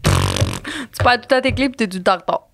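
A woman's voice: medium pitch, wildly swooping pitch, brisk, gravelly, breathy edge, no echo. A young pregnant-age woman with a Quebec French accent, co-hosting a podcast in blunt, teasing casual chat with frequent laughs. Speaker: podcast co-host.

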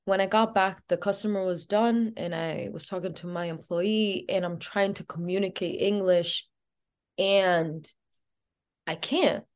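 A woman's voice: fairly low pitch, a little slow. Chatty woman telling a personal story. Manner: chatty, with many "like" fillers. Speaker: interview guest.

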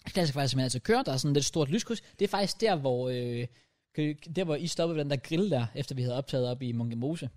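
A young man on a podcast, telling a story in lively casual chat and dropping English slang into his speech. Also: mid-range voice. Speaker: podcast co-host.

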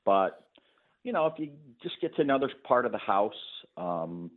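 A lower-voiced man talks through a tinny, phone-like line on a radio call-in show. He explains his painting work patiently, with lots of fillers, and laughs easily. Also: big pitch swings, normal speed. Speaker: painting contractor guest. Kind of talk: phone-in interview.

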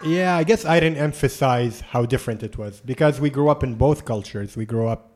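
A man's voice: mid-range voice, fairly quick, a little mellow. A man chatting casually and joking as a podcast co-host, laughing often. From grew up between the Gulf, Jordan and Canada. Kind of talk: casual chat.

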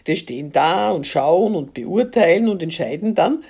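Woman doing a defensive older man, dark and mellow tone, reading-voice character. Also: fairly low pitch, lively intonation, normal speed, breathy edge. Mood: lecturing. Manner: indignant, defensive. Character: older man, touchy, self-justifying.

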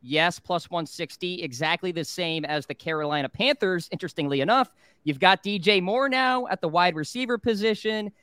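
Crisp, dry-sounding sports show host man. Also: high-pitched, pushed and bright, dry recording. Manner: brisk, moves the segments along. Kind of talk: sports talk show, reading odds.

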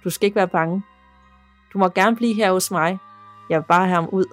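A man's voice: sits high, fairly bright tone, faint music behind. A woman reading the lines of a young man, uneasy. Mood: eerily calm. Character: young man, frightened then eerily calm.

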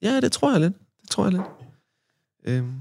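Gravelly-voiced Danish man telling a story. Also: high voice, big pitch swings, darkish tone. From Denmark. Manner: rambling, many fillers and tag questions. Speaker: podcast guest. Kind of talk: casual storytelling.

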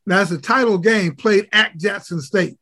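Male co-host, high-pitched, casual, joking. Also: unhurried, sharp tone. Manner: joking, loose and profane. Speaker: sports talk co-host. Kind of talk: casual sports chat.

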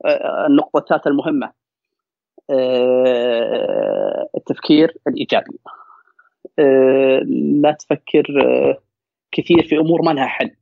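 A man with a Saudi accent telling a personal story and giving advice as a podcast guest, talking fast and repeating words for emphasis. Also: medium pitch, very animated, gravelly, dry recording. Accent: Saudi Gulf Arabic. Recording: dry, dull lo-fi sound.

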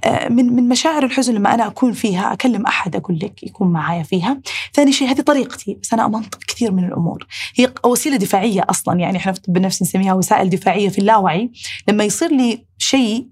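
Fast-talking husky Saudi woman host. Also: mid-range voice, a little mellow. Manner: reflective, thinks aloud in rushed bursts. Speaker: podcast host. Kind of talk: heartfelt conversational talk.

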